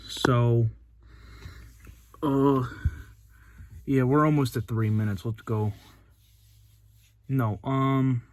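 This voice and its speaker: A man's voice: mid-range voice, steady tone, drawn-out words, long pauses, darkish tone, dry recording. A teenage male vlogger chatting casually and unscripted inside a closet, hesitant and often losing his thread. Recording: noisy amateur closet recording with clicks.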